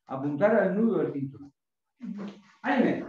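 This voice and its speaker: A man's voice: high-pitched, expressive, unhurried, darkish tone. A middle-aged man instructing a karate class, barking counts and short drill commands like a gym coach. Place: small home dojo with mats, indoors. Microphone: far camera across the room. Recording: distant echoey dull room recording, faint noise.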